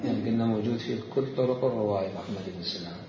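A man teaching a seminary jurisprudence lesson, explaining slowly and repeating key words as he reads texts aloud. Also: fairly low pitch, warm tone, a little hiss or hum. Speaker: religious law teacher. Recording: roomy, distant, muffled lecture recording.

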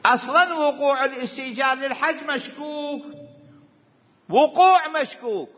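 A man's voice: very high-pitched, normal speed, a bit bright. A man with an Iraqi accent giving a seminary lecture on Islamic law, questioning and repeating his points for emphasis. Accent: Iraqi Arabic. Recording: echoey hall, dull lo-fi sound.

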